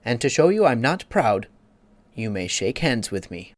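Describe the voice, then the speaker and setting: A man's voice: medium pitch, sing-song, dry recording, lightly acted. A man voicing a pompous, easily offended egg creature who lectures and takes offense. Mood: indignant. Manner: haughty, quick to take offense, lecturing.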